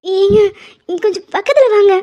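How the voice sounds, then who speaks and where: A woman voicing a playful, teasing pregnant young wife in an animated cartoon. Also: very high voice, a little fast, dull audio. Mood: affectionate. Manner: teasing, bossy, affectionate.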